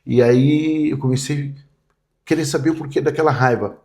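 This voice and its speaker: A man's voice: on the high side, steady tone, normal speed, a little mellow. A man, a pastor vividly telling stories in a podcast interview. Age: 60s. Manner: vivid storyteller, acts out quoted voices.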